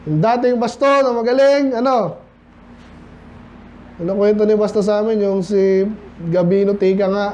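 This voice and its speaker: A Filipino man preaching a midweek Bible study in a church, talking to the congregation in a chatty, questioning way. His voice sits very high yet sounds dark and mellow. The recording is dull and lo-fi, with faint noise behind him. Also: steady tone, moderate pace, long pauses. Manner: conversational, mixes English into Tagalog, asks the congregation questions. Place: church hall.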